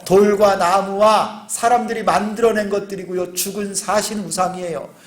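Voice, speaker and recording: High-voiced pastor preaching in an echoey church. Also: male voice. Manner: earnest, rising to fervent exhortation. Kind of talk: sermon. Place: church sanctuary.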